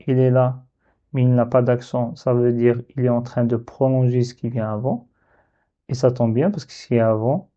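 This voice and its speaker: Male teacher, French accent, unhurried step-by-step lesson delivery, dark muffled tone. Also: mid-range voice. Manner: slow, patient, drawn-out sounding of syllables.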